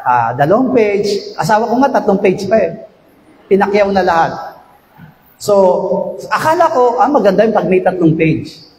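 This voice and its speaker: A man, a pastor giving a chatty, storytelling sermon that swings up to loud shouted exhortation. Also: high voice, slight background noise. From Philippines. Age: 50s. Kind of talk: conversational sermon. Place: church sanctuary. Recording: echoey church hall, long reverb.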